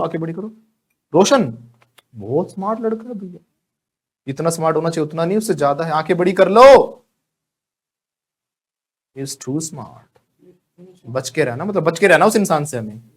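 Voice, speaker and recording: A man with an Indian English accent runs a spoken English class. He talks lively and jokes, and he calls on students by name to answer. His voice sits fairly high for a man. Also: a little fast. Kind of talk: live classroom lesson.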